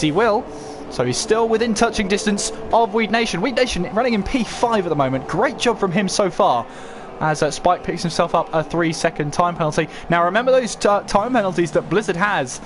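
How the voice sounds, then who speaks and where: A man's voice: high-pitched, animated, fairly quick. A man commentating live on a motor race as a motorsport commentator, calling it play-by-play and posing questions as he goes. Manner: running play-by-play with rhetorical questions.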